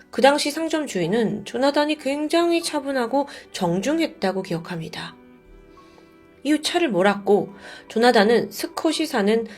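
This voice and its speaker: A woman hosting a show who tells a true-crime story in a chatty, expressive way and speaks directly to her listeners. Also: medium pitch. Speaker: storyteller host.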